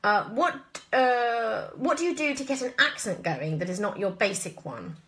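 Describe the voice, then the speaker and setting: Answering audience questions in a casual live chat, an actress with an English accent thinks aloud, hesitates often and clears her throat a lot. Her voice is on the high side and a bit bright, with big pitch swings and normal speed. A little hiss or hum is audible.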